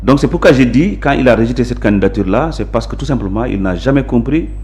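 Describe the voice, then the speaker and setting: His medium-pitched voice is expressive, fast and a little mellow, with a slight hiss or hum in the recording. This Senegalese local politician is a guest in a conversational interview in Wolof and French, asserting his positions emphatically.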